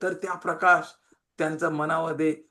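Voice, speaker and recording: A man preaching a sermon, emphatic, swinging between loud and quiet and repeating phrases in long lists. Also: a little high, level tone, moderate pace.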